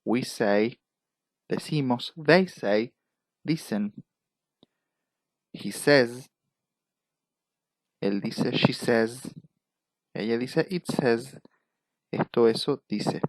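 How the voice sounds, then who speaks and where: A male teacher with an Argentine Spanish accent walks through English verb forms one at a time in a recorded lecture. He talks slowly and patiently at a middle pitch. The recording is dry and close, with no room echo. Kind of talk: recorded lecture over slides.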